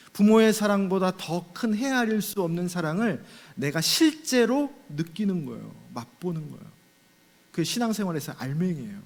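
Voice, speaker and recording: A man's voice: a little high, a little mellow. Man preaching in a reverberant church. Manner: conversational preaching, often addressing the congregation with rhetorical questions. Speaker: senior pastor. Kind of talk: sermon. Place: church sanctuary.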